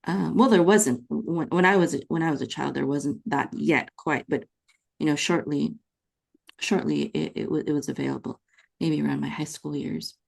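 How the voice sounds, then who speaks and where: A Philippine-born woman from California, speaking with a Californian American accent, hosts a conversational podcast interview and lays out her opinions. Her voice is low-pitched and creaky, moving at a normal speed.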